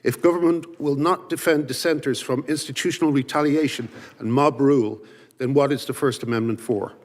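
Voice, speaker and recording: A man's voice: mid-range voice, steady tone, brisk. A man from Ireland, giving emphatic prepared testimony at a hearing, built on rhetorical lists. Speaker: witness at a legislative hearing. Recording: reverberant hearing room.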